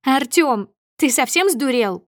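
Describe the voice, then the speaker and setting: A woman voicing a shrill, furious young wife. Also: animated, slow, no room sound, studio quality. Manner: shrieking, hissing threats. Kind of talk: audiobook character voice.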